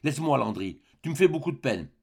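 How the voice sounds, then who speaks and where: A man voicing a gentle, shy young peasant girl who talks softly and coaxingly in an audiobook. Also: medium pitch, sing-song, quick pace, vocal fry, breathy edge, heavily acted. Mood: pleading. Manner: soft and coaxing.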